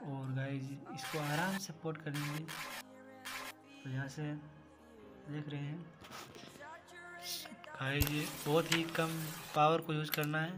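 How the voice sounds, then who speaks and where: A man's voice: on the high side, little pitch movement, slow pace, pauses often. A man hosting a gaming channel, talking casually through each shot of a mobile carrom match and calling the viewers "guys". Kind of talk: casual gameplay commentary. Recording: game music loud behind the voice.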